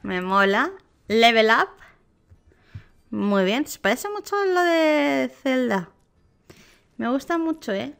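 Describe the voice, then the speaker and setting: A Spanish woman with a Spain accent commenting casually on a video game as a youtuber. Her voice is bright and a little high, and her pace is slow. She breaks into excited, gushing exclamations as she reacts. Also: creaky, clean tone. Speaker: gaming youtuber.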